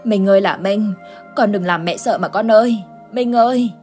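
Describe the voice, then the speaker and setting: A woman's voice: fairly high pitch, moderate pace, soft background music, voice pushed up, lightly acted. A woman voicing a frightened village mother, pleading and distraught, in an audio ghost story. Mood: crying.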